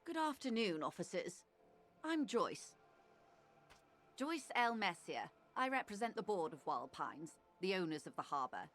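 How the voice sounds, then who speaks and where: A woman's voice: medium pitch, sing-song, measured pace, fairly bright tone, soft background music, exaggerated voice. An actress voicing a poised, polite female corporate negotiator in a game, courteous and diplomatic.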